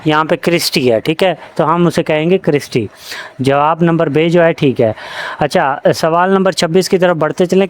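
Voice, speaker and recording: A man's voice: a little high, clear, resonant tone. A man with a Pakistani Urdu accent, working through exam questions as a teacher, reading each option aloud with frequent fillers and self-corrections.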